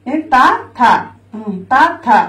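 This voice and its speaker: A woman's voice: fairly high pitch, animated, very slow, sharp tone, reverberant. A woman teaching Hindi letters to her viewers, who keeps calling them friends and keeps pointing them to what she writes. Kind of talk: lesson in Telugu.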